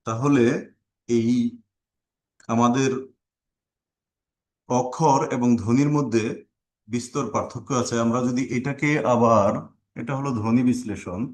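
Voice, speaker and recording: A man of middle pitch giving a grammar lesson to exam students. He talks in a slow, step-by-step way and breaks words into single sounds, pausing between each one. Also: fairly even intonation, a little mellow. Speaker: teacher.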